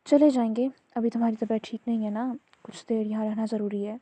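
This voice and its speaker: A woman voicing a tender husband who speaks softly and soothingly to his wife. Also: on the high side, fairly even intonation, lightly acted. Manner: soft, soothing. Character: tender loving husband, police officer.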